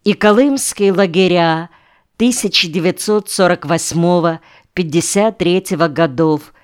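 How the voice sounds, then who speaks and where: A woman reads an audiobook aloud, taking her time over each phrase and pausing between them. Her voice sits a little low and sounds clean and even. The delivery stays calm and measured throughout. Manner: unhurried, measured reading with pauses between phrases. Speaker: audiobook reader. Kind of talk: audiobook narration.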